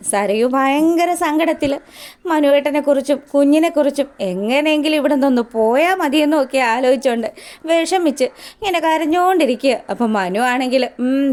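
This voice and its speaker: A woman retelling a TV serial episode in a chatty, animated storytelling style. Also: high voice. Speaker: serial recap narrator. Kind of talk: casual storytelling recap.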